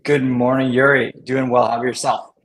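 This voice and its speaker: A man's voice: medium pitch, level tone, brisk, fairly bright tone, poor audio. An American man, a guest author and educator, talking loosely with many "like"s in a casual live stream interview over a video call.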